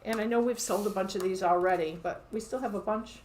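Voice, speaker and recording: A woman's voice: mid-range voice, brisk, a little mellow, a little hiss or hum. A woman hosting a casual live show-and-tell from her quilt shop, chatty and upbeat, laughing often.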